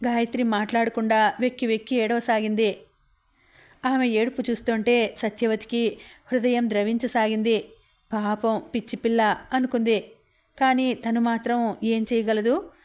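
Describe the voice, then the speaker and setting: A woman reads an audiobook novel aloud at a steady pace. Her voice sits fairly high. It barely rises or falls, so the narration sounds even and flat. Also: moderate pace.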